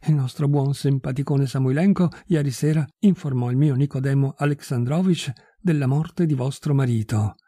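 Male reader doing a fussy, effusive older society lady, mellow and husky. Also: medium pitch, wildly swooping pitch, measured pace, dry recording, clean studio sound, exaggerated voice. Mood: gushing. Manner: effusive and fussy, turning cold and solemn.

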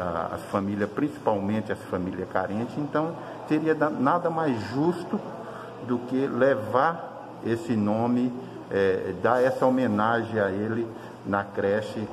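A middle-aged man, a city councillor, answering interview questions with many hesitations, in an office. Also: lowish voice. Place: indoor office with flags. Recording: noisy room.

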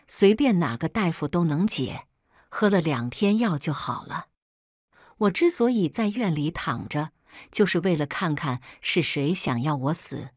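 A woman storyteller reading a first-person story in a brisk, wry way. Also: deep voice, no echo, studio quality.

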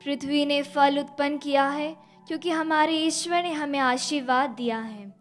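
A young woman in her twenties reading scripture and a psalm at Mass in a measured, deliberate way, into a stand mic at a lectern in an indoor chapel. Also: sits high, fairly even intonation, faint music behind. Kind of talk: slow, measured liturgical reading.

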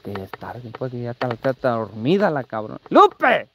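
A man's voice: mid-range voice, expressive, fast talker, gravelly, highs cut off. A Mexican man live-streaming a vlog in casual chat, teasing and swearing freely. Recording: noisy live-stream audio.

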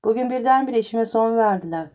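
A woman's voice: a little high, quick pace, a little mellow, natural voice. A woman voicing a desperate, newly fired male clerk who complains agitatedly in an audiobook story.

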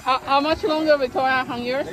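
A woman's voice: sits high, fairly even intonation, a little fast, a crowd in the background, poor audio. A woman chatting and cheering on friends during a fishing trip at sea. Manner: exclaiming, cheering. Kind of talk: casual chat on a boat. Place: open deck of a small fishing boat at sea.

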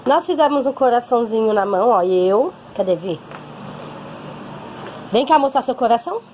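A vlogger mother with a slightly high, expressive, warm voice chats casually to her viewers at a normal speed, emotional and often asking them to agree. She records on a handheld phone, first at home and then walking outdoors on a street, with a little hiss or hum.

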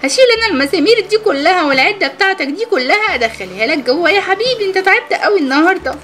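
A woman's voice: extremely high pitch, expressive, rapid-fire, a bit bright, faint music behind. A woman with an Egyptian Arabic accent voicing a clumsy, anxious little girl doll who panics and repeats herself. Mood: eager.

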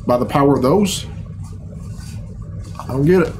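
A man in his thirties hosts a reaction video from a small bedroom at home, his mid-range voice unhurried while he comments casually in a blunt, sarcastic, profane way. The background is noisy, with game cutscene music playing.

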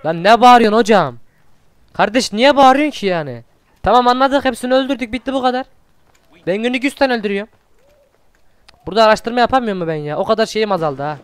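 A high-pitched man gives a let's play commentary, excitable and loose with his swearing. His voice is smooth and clear. He keeps calling to and praising the wolf at his side. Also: fast, long pauses, no echo. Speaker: gaming channel host.

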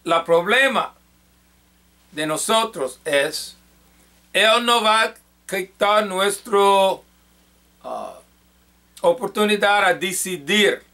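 Male Bible teacher, high and bright, slow and halting, self-correcting delivery. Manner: halting, repeats and corrects himself. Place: church.

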